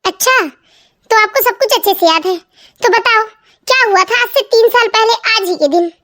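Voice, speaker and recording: A woman's voice: very high-pitched, normal speed, pushed and bright. A woman voicing a hopeful, sulky young wife in a comedy cartoon, chatty and talking to herself. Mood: teasing. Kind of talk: cartoon family comedy voice acting.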